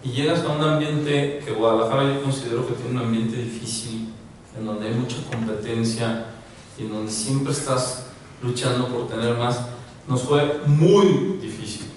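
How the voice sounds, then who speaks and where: A man's voice: mid-range voice, steady tone, normal speed, slight background noise. A man preaching an informal sermon as pastor, chatty, often laughing, with many fillers. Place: church hall. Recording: very echoey hall, mic far off.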